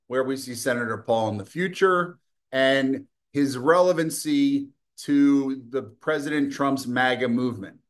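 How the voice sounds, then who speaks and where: On his political commentary show, a middle-aged host in a mid-range voice unleashes a combative, profane monologue of scornful opinion, coughing from time to time.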